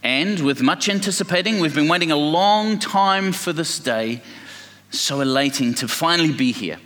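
A man acting as a gentle father, telling a bedtime story in an unhurried way. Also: a little high, expressive. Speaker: narrator father in a church play. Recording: echoey hall reverb.

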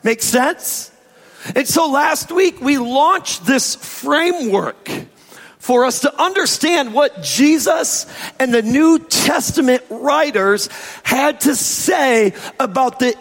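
A male pastor delivers a sermon in a very high, hoarse voice that sounds strained from a sore throat. His pace is slow and emphatic, with stretched key phrases and an informal touch. Long hall reverb surrounds him. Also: animated, a bit bright. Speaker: pastor preaching to congregation. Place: church service, amplified in a large room. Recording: echoey large hall reverb.

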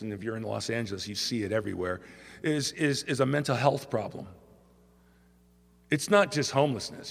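A man preaching a sermon as pastor, telling stories in a conversational way and acting out the people he quotes. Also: mid-range voice. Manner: conversational storytelling, acts out quoted voices. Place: church sanctuary. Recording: long hall reverb.

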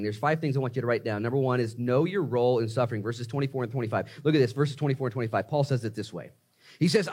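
A man preaching a sermon in an emphatic, motivational way, talking straight to his listeners in conversational language with rhetorical questions. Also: medium pitch. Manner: emphatic motivational preaching, swinging from hushed asides to raised exclamations. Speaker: pastor preaching.

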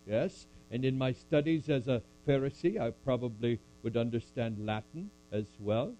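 Playing a puppet of an elderly apostle, a male puppet performer preaches and recites scripture to a crowd in a church skit, then answers audience questions with dry humor in a playful mood. His voice is natural and medium-pitched, dark in tone, at normal speed, with slight background noise.

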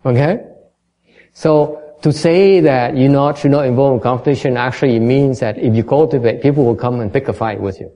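Mellow-voiced male dharma teacher. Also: medium pitch, moderate pace. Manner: explains in English, then repeats in Vietnamese, often stumbling over repeated words. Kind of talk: bilingual dharma lecture.

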